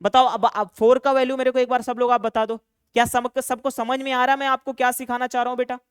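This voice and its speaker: A young man teaching an online maths exam-prep lesson, chatty and quick, calling students "beta" and "bhaiya" and answering his own questions. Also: very high voice, level tone, clean tone, dry recording, studio quality.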